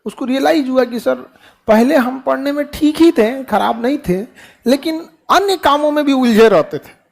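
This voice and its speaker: A middle-aged male teacher with an extremely high, gravelly voice gives a motivational talk to his class at a moderate pace. He fills it with rhetorical questions and playfully mimicked dialogue.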